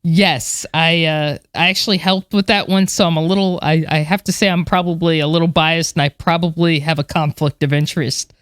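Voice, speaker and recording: Woman gushing about space docs, smooth clear voice, dry close sound. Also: sits low, brisk, hardly any pauses, no room sound. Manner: chatty, animated, many fillers and restarts. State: moved, a little emotional. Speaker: podcast co-host, space history enthusiast. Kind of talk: casual chat.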